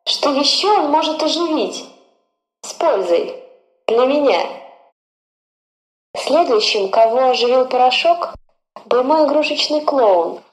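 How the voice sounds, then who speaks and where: A woman's voice: high voice, expressive, measured pace, pauses often, roomy sound, rough recording. Woman as Urfin Jus, vain scheming would-be ruler. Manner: self-important, grumbling, theatrical. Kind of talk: dramatised fairy-tale storybook narration.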